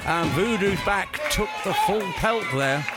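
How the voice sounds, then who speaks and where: A man giving excited live play-by-play wrestling commentary, exclaiming and repeating phrases with urgency. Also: high voice, unhurried. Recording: live event, very loud crowd and music. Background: loud crowd and music.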